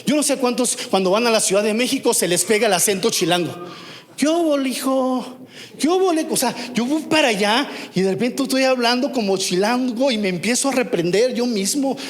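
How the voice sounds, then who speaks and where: High-voiced Mexican pastor preaching in a reverberant hall. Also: male voice, brisk, hardly any pauses. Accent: Mexican Spanish. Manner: emphatic preaching with many rhetorical questions; swings from soft and low to loud and high. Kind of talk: sermon. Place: church hall.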